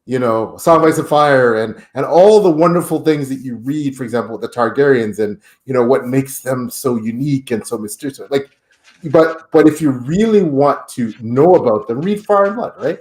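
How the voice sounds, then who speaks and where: Male podcast host, excitable, tumbling over his own words, roomy echoey sound, mid-pitched voice. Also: moderate pace. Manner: enthusiastic, rambling with repeated words. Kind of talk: casual interview chat. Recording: roomy echo.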